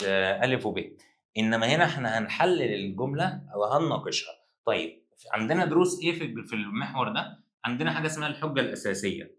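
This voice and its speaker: Young Egyptian male teacher, rapid and joking, mid-pitched voice, reverberant room. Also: a bit bright. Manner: playful, teasing, rapid colloquial banter. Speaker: Arabic teacher. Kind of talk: joking exam-prep lesson. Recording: echoey room.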